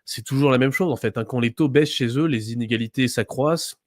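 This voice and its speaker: A man's voice: mid-range voice, fast, a little mellow, dry recording. Guy explaining stuff as a guest, lots of restarts, mid voice, dry sound. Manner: explanatory, many fillers and restarts, checks in with "d'accord". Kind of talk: conversational explanation.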